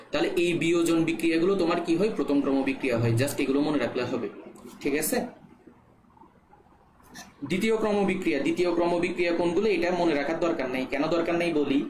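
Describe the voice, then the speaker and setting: A young man teaching a live online chemistry class in a slightly high voice. He walks through each point step by step and keeps asking students to confirm they follow. The sound is roomy and echoey, with a faint hiss underneath. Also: fast, pauses often, darkish tone. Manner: explains step by step, checks students' comments, frequent "ঠিক আছে?". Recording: echoey room with faint background noise.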